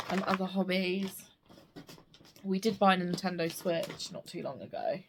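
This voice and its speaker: A woman's voice: on the low side, vocal fry, noisy background. A British woman chatting casually to camera in a rambling, self-interrupting way, with slightly slurred speech from a missing front tooth. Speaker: stitching vlogger. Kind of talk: casual chat to camera about craft projects.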